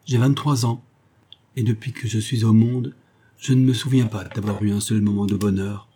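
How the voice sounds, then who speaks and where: A man's voice: mid-range voice, normal speed, mellow, a little hiss or hum, close to an everyday voice. A man reading an audiobook, voicing a bitter, stern and unhappy young woman of twenty-three in an impassioned, raised tone.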